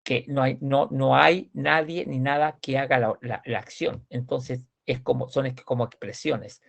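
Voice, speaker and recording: A man's voice: medium pitch, steady tone, unhurried, creaky, fairly bright tone. A man teaching a language grammar class, explaining patiently and often asking students if they follow. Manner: patient, repeats words, asks checking questions. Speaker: Swedish teacher.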